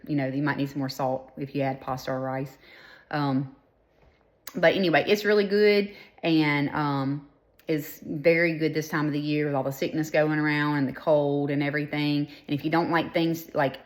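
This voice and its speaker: A middle-aged woman, chatting casually and rambling with many fillers as a cooking vlogger. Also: sits low.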